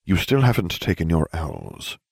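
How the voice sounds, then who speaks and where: A man's voice: low voice, wildly swooping pitch, moderate pace, creaky, dry recording, studio quality, exaggerated voice. A man doing a hesitant old headmaster. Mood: musing. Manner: hesitant, musing. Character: mild, hesitant elderly male headmaster.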